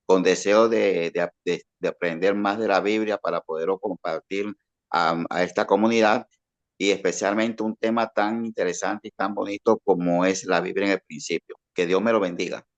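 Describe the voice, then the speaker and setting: Low-voiced man stumbling over words. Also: moderate pace, lo-fi sound. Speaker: Bible course student. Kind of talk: self-introduction on a video call.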